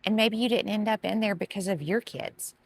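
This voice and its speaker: A woman's voice: medium pitch, brisk, creaky. A woman, a gardening vlogger telling a chatty, dramatic story to camera.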